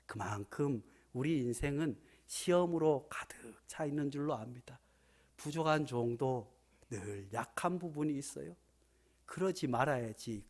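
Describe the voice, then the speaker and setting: A male pastor preaching a Sunday sermon in a church sanctuary, animated and building to emphatic exclamations. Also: medium pitch.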